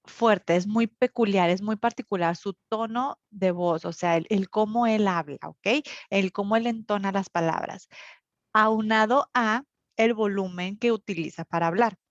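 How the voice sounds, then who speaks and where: A woman's voice: medium pitch, no room sound. A woman teacher from northern Mexico with a Monterrey accent, lecturing an online class and explaining with many fillers and tag questions. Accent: Monterrey Mexican Spanish. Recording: dull, lo-fi recording.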